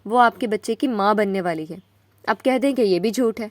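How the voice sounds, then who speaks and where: A woman voicing a young wife who accuses her husband through tears, loud and upset. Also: mid-range voice, dry recording, close to an everyday voice. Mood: tearful anger. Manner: tearful and shouting.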